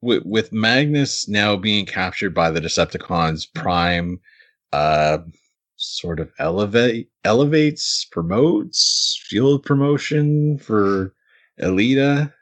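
A man's voice: on the low side, lively intonation, slow, a bit bright. A man co-hosting a podcast, chatting casually as he recaps an episode, laughing often and restarting his sentences. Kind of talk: casual chat.

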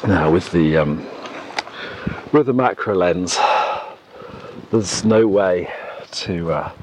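On noisy cassette tape, a deep-voiced podcast host thinks aloud in an unhurried, musing way during a casual solo commentary. He is walking outdoors beside an oak tree in the countryside, recorded with a portable cassette recorder that adds noise and clicks.

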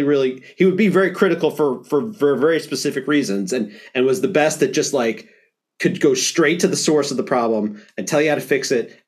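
A man in casual conversation about teaching. He speaks thoughtfully and hesitates often, restarting his sentences. His voice sits in an ordinary middle pitch. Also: a little mellow. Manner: thoughtful, hesitant, many fillers. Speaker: music teacher.

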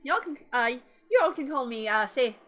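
A woman's voice: high-pitched, animated, moderate pace, a bit bright. Woman doing a peppy tiny elf girl, Irish accent. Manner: bubbly and chatty.

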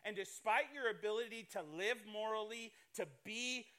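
Emphatic high-voiced preacher. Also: male voice, moderate pace, pushed and bright. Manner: emphatic, swings from playful to solemn. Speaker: pastor. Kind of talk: sermon.

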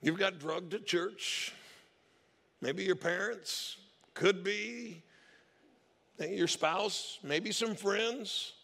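Preaching to his congregation, this pastor has a high, bright, forceful voice with vocal fry, drawn-out words and long pauses, trailed by a long reverb. He keeps things conversational, spinning stories and mimicking the people he cites.

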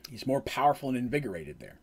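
A man's voice: medium pitch, big pitch swings, fast talker, slightly rough. A man telling how a tabletop game session played out, as its game master, in a rambling way with frequent ums and self-corrections.

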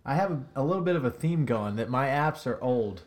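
A man co-hosting a casual podcast chat, explaining things in a relaxed, rambling way that trails off. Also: mid-range voice, fairly quick. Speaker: podcast co-host.

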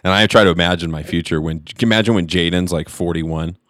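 A man's voice: low-pitched, fairly even intonation, fast, a bit bright. A man in his forties chatting casually as a podcast co-host, laid-back, laughing often and swearing freely. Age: 40s. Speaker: middle school teacher.

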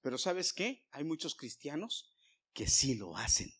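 A male pastor preaching a sermon, swinging from loud emphasis to hushed whispers and speaking straight to the congregation. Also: fairly high pitch, very animated, unhurried, slightly rough. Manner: addresses the congregation directly, asking for amens.

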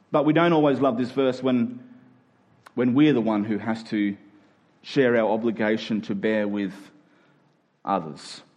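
A man with a mid-range, slightly mellow voice preaches a conversational expository sermon as a pastor. He often poses rhetorical questions and checks in with listeners using tags like "right?" and "okay?".

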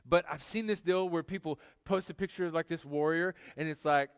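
Male pastor, sermon delivery, animated with loud and soft swings, slightly high voice, dry close sound. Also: a little fast, clear, resonant tone, no echo. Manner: animated, swings from loud to quiet, joking asides.

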